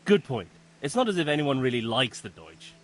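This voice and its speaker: An actor playing a scruffy, loyal young troublemaker in a video game, with a husky voice and a coarse, chummy manner. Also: male voice, mid-range voice, big pitch swings, a little fast. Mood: chummy, uneasy.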